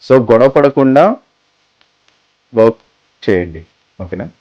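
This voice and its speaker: Stern principal, scolding, mid-pitched, dry close sound, comedy sketch. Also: male voice, lively intonation, slow, no echo, highs cut off. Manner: scolding, threatens suspension. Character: stern middle-aged male school principal. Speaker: school principal.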